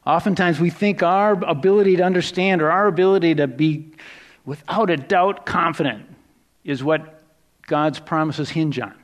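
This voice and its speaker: A man preaching a sermon in a conversational, reflective way, dropping softer for quoted words. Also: fairly high pitch, moderate pace.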